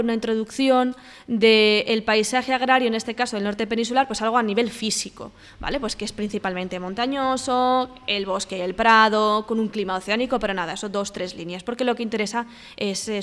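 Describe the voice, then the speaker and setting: A woman's voice: on the high side, long reverb tail. A woman with a Spanish accent from Spain, teaching and walking through exam answers, with filler sounds and frequent checks for understanding. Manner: explanatory, checks in with "¿vale?", hesitant fillers. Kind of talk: exam walkthrough lesson.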